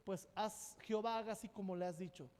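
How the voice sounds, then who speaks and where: A man's voice: high voice, fairly even intonation, brisk, a little mellow, big-room sound, lightly acted. A man voicing a dismissive old priest who shushes and brushes people off. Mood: offhand.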